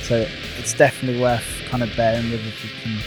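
A British man hosts in an easy, chatty style. His voice is mid-to-high and enthusiastic, with clear guitar music playing behind him. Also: flat delivery, fast talker, poor audio. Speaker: podcast host. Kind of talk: casual chat.

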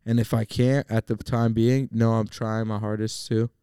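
A man's voice: lowish voice, little pitch movement, moderate pace, mellow, clear, resonant tone, no echo, studio quality. A man guesting on a podcast, chatting casually and rambling with lots of fillers. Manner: laid-back, rambling with many fillers.

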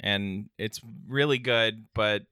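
A man's voice: fairly low pitch, takes it slowly, bright, forceful tone, clean tone, no echo. A young man on a casual podcast, tossing in dry wisecracks and one-liners. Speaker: podcast co-host. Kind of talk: casual chat.

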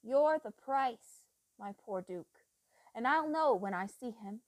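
A woman's voice: expressive, no room sound. A woman putting on a feverish treacherous old doctor. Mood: menacing, obsessive. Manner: low, slow, intense murmuring with sudden loud bursts.

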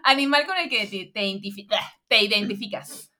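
A young woman hosting a podcast, firing quick questions in casual chat and laughing often. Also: mid-range voice, pushed and bright. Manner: bubbly, laughs often, fast talker. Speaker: podcast host.

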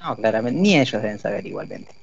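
A man's voice: lowish voice, expressive, fast, gravelly, husky, no room sound. A man with an Argentine accent hosting a casual podcast chat, joking and dropping lots of filler sounds. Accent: Argentine Spanish. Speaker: podcast host. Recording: dull lo-fi dry audio, faint music.

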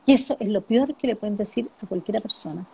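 Husky, soft-spoken middle-aged woman. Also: medium pitch, fast talker. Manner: soft, reflective, repeats phrases for emphasis. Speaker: interviewee, bereaved mother and author. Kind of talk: emotional personal interview.

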